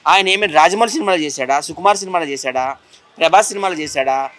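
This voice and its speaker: A man being interviewed, complaining rapidly and indignantly. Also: fairly high pitch, fairly bright tone. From Vizag. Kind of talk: heated interview.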